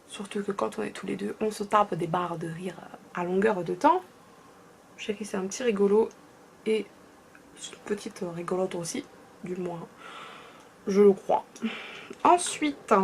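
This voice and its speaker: A woman's voice: medium pitch, slight background noise. A young woman from France chatting casually through a makeup tutorial, often trailing off into murmurs. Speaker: beauty vlogger.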